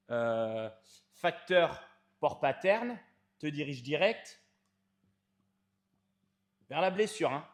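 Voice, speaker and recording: Slow, emphatic fitness coach. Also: male voice, a little high. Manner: emphatic, addresses the viewer informally, stretches key words. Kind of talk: explaining training to camera.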